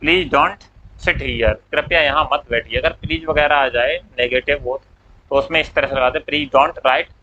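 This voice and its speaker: A man's voice: fairly high pitch, measured pace, bright, forceful tone, dull audio, slight background noise. A man teaching English grammar in a classroom lecture. He asks questions, answers them himself, and draws out the English words as he dictates them.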